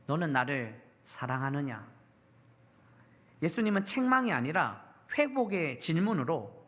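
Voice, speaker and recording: A woman pastor preaches to her congregation with a lively, rising and falling voice of middle pitch. She asks the room questions and leads them in repeating lines back. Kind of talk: sermon. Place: church service.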